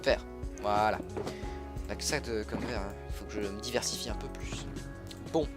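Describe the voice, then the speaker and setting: Speaking at a normal speed in a lowish voice, a young man from Alsace, France, streams a game with music in the background. He chats away casually, greets his viewers, and frequently self-interrupts to fix what he's saying mid-sentence.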